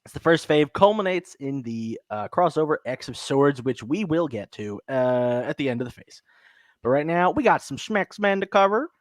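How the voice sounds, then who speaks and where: A man co-hosting a podcast in casual chat, upbeat and quick to laugh. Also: a little high, sing-song, no room sound. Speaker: podcast co-host.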